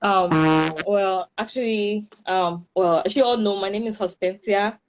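A woman with a Cameroonian accent speaks as a guest in a casual interview. Her voice sits at a medium pitch. She feels her way through answers, restating phrases as she explains. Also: unhurried, slight background noise, poor audio. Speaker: interview guest, hairstylist and entrepreneur.

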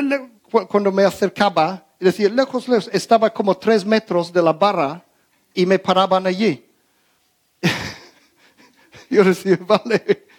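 A man casually telling a funny anecdote to his audience, stumbling over his words, restarting often and laughing as he goes. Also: sits high. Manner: many fillers and repeated words. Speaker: storyteller talking to his audience.

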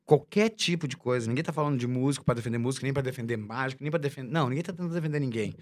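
A man, a musician guest in a casual chat, talking in an animated, slangy, emphatic way. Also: medium pitch, racing.

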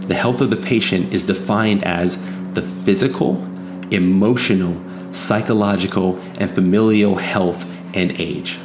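A low-voiced man gives an off-the-cuff opinion monologue in an echoey room. He is earnest and insistent, moralizing as he warns of threats, and he repeats phrases to drive them home. A faint noise sits behind the voice. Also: steady tone, unhurried.

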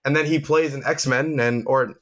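A man's voice: mid-range voice, normal speed. A man co-hosting a casual gaming podcast, reading a cast list aloud and looking up names as he talks. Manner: animated, reads a cast list aloud and looks things up. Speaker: podcast co-host. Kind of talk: casual chat.

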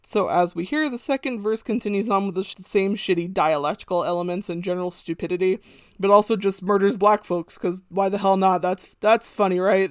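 A man hosting a podcast in a sardonic, casual way, cursing freely. His voice sits high for a man. It is recorded close and dry, with no room sound. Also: no echo. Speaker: podcast host.

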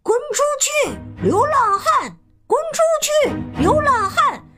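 A woman's voice: very high-pitched, sing-song, takes it slowly, music in the background, voice pushed up, exaggerated voice. A woman voicing a spiteful, superstitious fat mother hen in a children's storybook, screeching insults. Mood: furious jeering.

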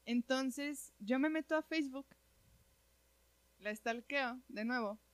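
A woman with a Mexican accent speaks slowly in a high-pitched, clear, resonant tone, telling a personal story in casual chat. She's animated and slangy and keeps saying "güey." The recording is dry.

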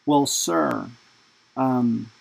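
A man's voice: mid-range voice, extremely slow, gravelly, slightly rough, heavily acted, low-quality recording. A man quoting a patient female store clerk in a told story, formal and hesitant. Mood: polite.

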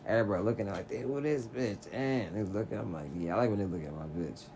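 A man in casual chat, telling crude stories animatedly and jumping high and loud when acting out his reactions. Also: fast talker, slight background noise.

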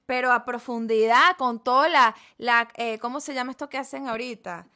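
A woman co-hosting a podcast, telling stories in an animated way and laughing often. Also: a little high, normal speed. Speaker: podcast co-host. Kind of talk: casual chat.

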